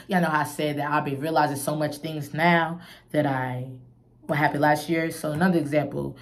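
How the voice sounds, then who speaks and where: Candid young woman, lowish voice. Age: young adult. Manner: candid, expressive, peppers talk with "you feel me"; swings between soft low musing and bright laughing outbursts. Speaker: vlogger. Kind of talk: casual personal vlog talk.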